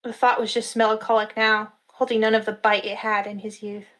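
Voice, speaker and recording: A woman narrating a fantasy story in a steady storytelling manner at a live reading. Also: medium pitch, brisk, poor audio.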